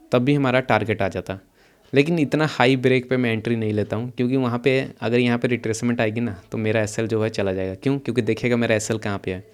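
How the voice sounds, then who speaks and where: Young man explaining trades quickly. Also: medium pitch, clean tone. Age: young adult. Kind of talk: casual screen-share trading walkthrough. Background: some background noise.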